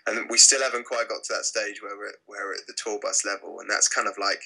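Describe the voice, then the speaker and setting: Bright-voiced British man, halting and relaxed. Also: on the low side, vocal fry, low-quality recording. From Britain. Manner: relaxed, hesitant, lots of fillers and restarts. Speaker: lead singer of a rock band. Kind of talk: casual interview.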